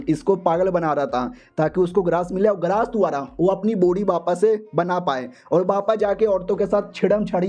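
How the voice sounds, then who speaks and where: A man's voice: sits high, dark tone. A man narrating a story recap in a casual, slangy, irreverent way.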